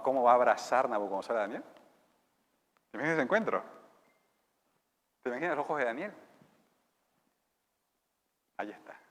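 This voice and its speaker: A male pastor preaching a sermon dramatically, dropping to whispers and rising to loud exclamations. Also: medium pitch. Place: church. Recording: church hall with long reverb.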